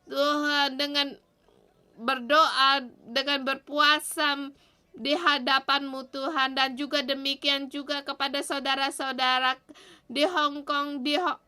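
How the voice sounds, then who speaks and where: A woman's voice: high-pitched, little pitch movement, slow pace, sharp tone. A woman giving a morning devotion and leading an earnest, pleading prayer in short phrases. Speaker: devotion speaker.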